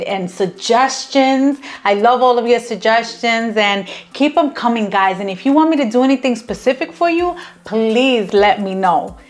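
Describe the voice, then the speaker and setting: A woman in her fifties hosting a craft tutorial in a casual, chatty way, gushing with enthusiasm and tossing in self-mocking asides. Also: a little high.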